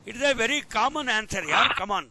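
Indoors on a video call, a man with an Indian accent gives an informal online lecture in English and Hindi, prodding listeners with questions and repeating key phrases. His voice is expressive, racing and sharp, with rumbly background noise on the call.

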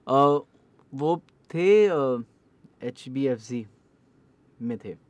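A man's voice: mid-range voice, expressive, very slow, no echo. A man, a horror storyteller and podcast guest, talking in an earnest storytelling way and dropping English phrases into casual conversation.

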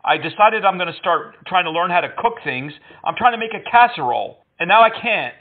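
Over a tinny phone line, a man makes prank calls to scammers, teasing and mocking them amid frequent laughter. As the scam baiter, he speaks a little fast in a high, animated voice.

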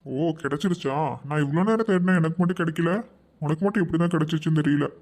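A woman's voice: low voice, quick pace, darkish tone. A woman voicing a teasing, easygoing young husband in a cartoon, coaxing and playful.

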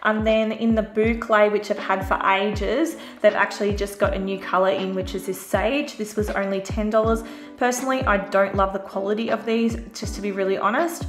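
A woman's voice: medium pitch, normal speed. Chatty woman, roomy sound. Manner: chatty, relaxed, filler-heavy. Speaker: vlogger. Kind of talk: casual shop-with-me voice-over. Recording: roomy voice-over with faint music.

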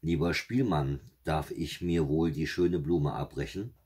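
A cruel old witch from a storybook, threatening and commanding, as a man puts her on. Her voice is very deep and husky. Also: measured pace, darkish tone, full character voice. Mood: sly.

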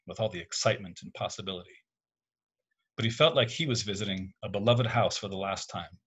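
A man reads his own literary fiction aloud at an even, measured pace. His voice is low with a husky grain. He narrates steadily. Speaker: contest winner reading his story.

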